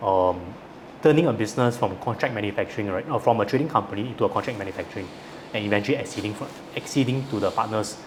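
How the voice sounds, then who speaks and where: A Singaporean man in his thirties tells stories casually in Singlish, dropping particles at the ends of sentences. His voice sits on the low side and moves quickly. There is clear noise behind him. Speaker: guest, entrepreneur. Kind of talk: casual interview storytelling.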